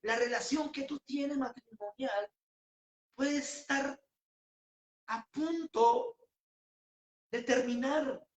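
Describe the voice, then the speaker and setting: A woman preaching a sermon with passion, rising to shouts on key phrases. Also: high voice, takes it slowly, long pauses, roomy sound.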